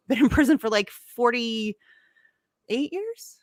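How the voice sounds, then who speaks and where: A woman's voice: fairly high pitch, animated, slow pace, dry recording, studio quality. A young woman co-hosting a casual podcast, talking animatedly, laughing often and swearing freely. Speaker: podcast co-host. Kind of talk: casual chat.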